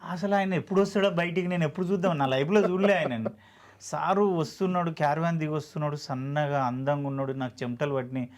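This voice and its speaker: A man's voice: a little high, steady tone, fast. A man, an actor telling his story earnestly and emotionally in an interview, often acting out dialogue.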